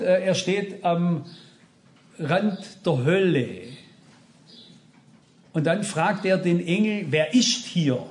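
A man's voice: a little high, darkish tone. A man preaching an earnest, emphatic sermon, speaking directly to his congregation. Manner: retells an anecdote with dialogue.

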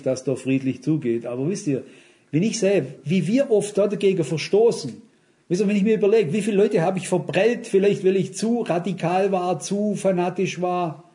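A man's voice: sits high, moderate pace. A man preaching a sermon, telling personal stories and speaking straight to his listeners. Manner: animated storytelling, addressing listeners directly.

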